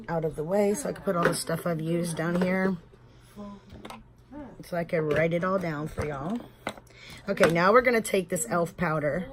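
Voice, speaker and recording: A woman's voice: on the low side, noisy background. A woman in her thirties with a Texan accent, chatting casually at home through a makeup tutorial. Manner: chatty, rambling, addresses viewers as y'all. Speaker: beauty vlogger.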